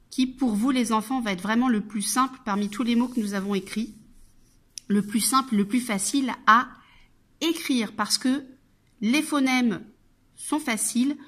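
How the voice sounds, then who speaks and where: Slow, careful schoolteacher woman. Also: a little high, fairly bright tone. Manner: sounds out syllables slowly and clearly. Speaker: teacher. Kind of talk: slow phonics lesson for children.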